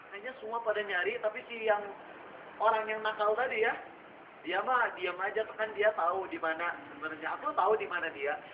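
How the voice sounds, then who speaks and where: High-voiced man preaching in an echoey room. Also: fairly even intonation, brisk. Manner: storytelling, acts out voices in the tale. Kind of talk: sermon to students. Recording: echoey room heard from far off, dull and noisy.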